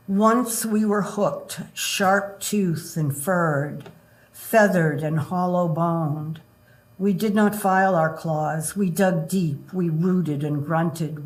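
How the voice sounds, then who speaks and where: An older woman in her seventies reading poems at an open mic, with halting, measured introductions and delivery. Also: on the low side, a little mellow, low-quality recording. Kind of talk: poetry reading with short introductions. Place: indoor room at a live open mic event. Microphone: gooseneck podium microphone.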